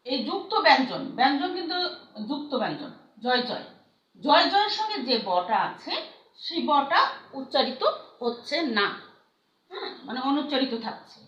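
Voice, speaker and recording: High-voiced female teacher, patient and repetitive, recorded in an echoey room with dull sound. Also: sing-song, a bit bright. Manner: patient, repeats examples slowly with many fillers. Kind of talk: classroom grammar lesson.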